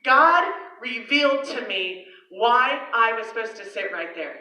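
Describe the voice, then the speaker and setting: A woman's voice: on the high side, animated, measured pace, pushed and bright. A woman pastor telling a personal story in a sermon at a women's conference, chatty and often laughing. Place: conference hall. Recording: echoey hall mic from far off.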